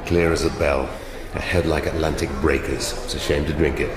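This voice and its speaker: An actor playing a grumpy, erudite middle-aged British police inspector in a radio drama, dry and pedantic. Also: male voice, a bass voice, steady tone, brisk. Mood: contented.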